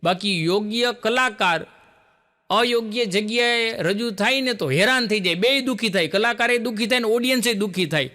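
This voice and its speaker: A man performs folk comedy on a stage. His voice sits high and sounds bright and forceful as he spins jokes into a stage microphone. He acts out the dialogue in his stories before a live audience. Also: normal speed. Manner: folksy joke-telling with acted dialogue and audience laughter. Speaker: stand-up comedian. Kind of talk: Gujarati folk comedy storytelling.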